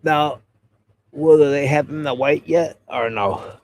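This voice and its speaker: A man's voice: on the high side, a little slow. A man from Pennsylvania, a DJ hosting a casual livestream chat about gear, rambling and repeating words, stuffy from a head cold. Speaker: DJ and channel host; talking gear with viewers.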